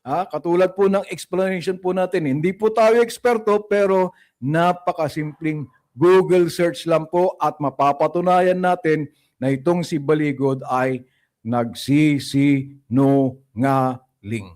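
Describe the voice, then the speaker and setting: A man hosting a political opinion vlog, talking straight to his viewers in a scornful, mocking tone and slowly working through numbers. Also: high-pitched, darkish tone. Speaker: political commentary vlogger. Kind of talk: opinion commentary addressed to viewers.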